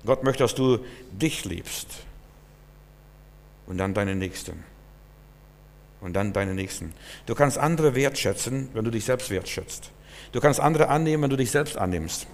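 A man's voice: mid-range voice, animated, moderate pace, vocal fry, pauses often. A man preaching a sermon in German, earnest and repetitive, speaking straight to the listener. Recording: long reverb, hall.

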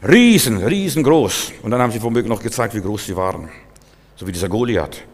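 A man preaching a sermon to his congregation, emphatic, repeating key words and swinging between loud outbursts and quiet asides. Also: lowish voice, animated, brisk. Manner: addresses listeners directly, repeats key words. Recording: long hall reverb of a church.

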